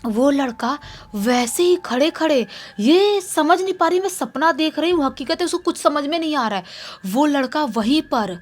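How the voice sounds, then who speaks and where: A woman's voice: high voice, animated, normal speed. Woman telling a horror story dramatically. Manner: dramatic, shifting between loud and hushed.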